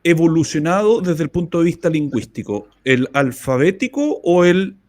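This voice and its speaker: A man's voice: on the high side, expressive, normal speed, darkish tone. A man, interviewing a guest casually, chiming in with short agreements and asking probing questions. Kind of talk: conversational interview.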